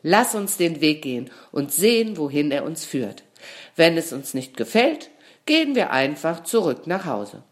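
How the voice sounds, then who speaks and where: Woman playing a small girl caterpillar in a storybook, curious, gentle, earnest. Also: sits low, very animated, unhurried. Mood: eager.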